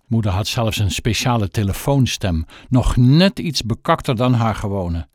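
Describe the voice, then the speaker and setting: Reading a children's story as an audiobook, a man narrates expressively at a moderate pace, his pitch bouncing lively up and down. The sound is dry and close, with no room tone or echo.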